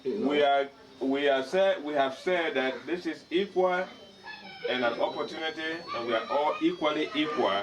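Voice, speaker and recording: A man's voice: on the high side, normal speed, music in the background. An older man gives an impassioned speech at a community meeting, pressing his points, repeating words and slipping into a local language. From Liberia.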